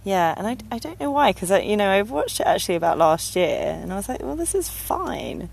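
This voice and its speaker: A woman's voice: mid-range voice, lively intonation, fast, gravelly, darkish tone, slight background noise, poor audio. A woman co-hosting a podcast, chatting with many ums and reading a rhyming poem aloud. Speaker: podcast co-host. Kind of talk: casual chat and poetry reading.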